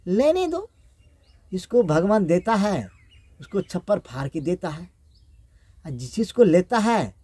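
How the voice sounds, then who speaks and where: A man's voice: high voice, sing-song, measured pace, long pauses, mellow, breathy edge, no echo, heavily acted. Man voicing a carefree, trusting king. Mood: easygoing. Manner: easygoing, dismissive.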